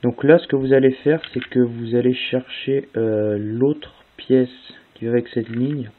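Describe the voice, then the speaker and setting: A young man who hosts speedcubing tutorials casually walks through a puzzle-solving method, spelling out move sequences step by step with fillers. His voice is mid-range, steady, and measured in pace. The audio is tinny and phone-like, with a faint hiss.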